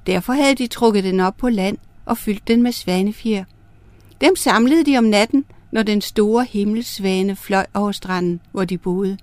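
A woman narrating star myths and a fairy tale for children, reading in a clear, gentle way. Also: medium pitch, dry recording. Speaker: storyteller.

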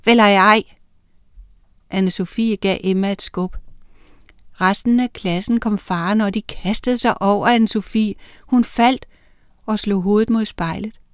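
A woman's voice: medium pitch, clean tone, dry recording, clean studio sound. Woman reading a children's story. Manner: reads with lively character voices. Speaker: narrator. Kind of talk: children's audiobook narration.

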